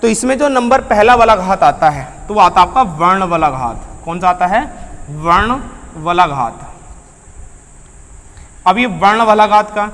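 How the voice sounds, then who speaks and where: Guy teaching grammar, kinda high voice, keeps asking the class stuff then answering it, echoey room. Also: bright, forceful tone. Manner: asks students questions and answers them himself; addresses students as beta and bhaiya. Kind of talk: classroom lecture.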